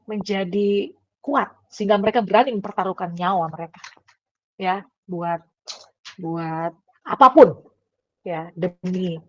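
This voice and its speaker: A middle-aged woman gives a casual devotional sermon in a conversational style, using fillers and tag questions and coughing now and then. Her mid-range voice is darkish and slightly rough, on a dull, dry, lo-fi recording.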